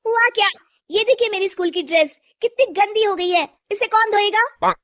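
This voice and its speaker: A woman's voice: extremely high pitch, normal speed, fairly bright tone, dry recording, studio quality, voice pushed up. A woman voicing a young schoolgirl daughter with a whiny, insistent voice.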